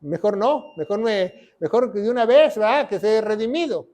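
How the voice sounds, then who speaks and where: A man. He teaches emphatically, pressing rhetorical questions and tag words, and swells louder whenever he reads scripture aloud. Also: sits high, lively intonation, moderate pace. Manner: emphatic preaching, rises loud on scripture quotes, rhetorical questions. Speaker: pastor. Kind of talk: sermon teaching.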